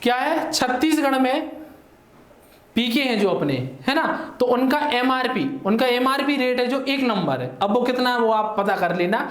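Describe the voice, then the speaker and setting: A man's voice: very high-pitched, normal speed. A male teacher, giving an online exam-prep lesson in a chatty way and often checking in with his listeners. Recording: echoey room.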